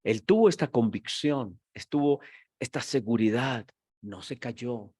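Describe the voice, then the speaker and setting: A man preaching a sermon as pastor. His delivery moves between quiet, reflective talk and loud, emphatic shouting. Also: medium pitch, measured pace, slightly rough, no room sound, studio quality. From Colombia.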